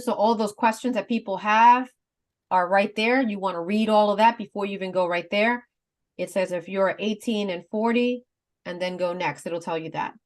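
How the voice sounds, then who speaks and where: Woman, 50s, talk-show guest, earnest step-by-step explainer, easy laugh, mid-pitched. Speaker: guest advocate. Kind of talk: casual explanatory chat.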